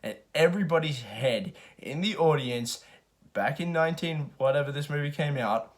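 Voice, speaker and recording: A man giving a casual, rambling film review, excited and profane. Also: a little high, normal speed.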